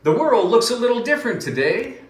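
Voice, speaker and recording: A man voicing a cheerful little mouse and bird with high, bright squeaky voices. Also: sing-song, a little fast, echoey room, distant mic. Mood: cheery.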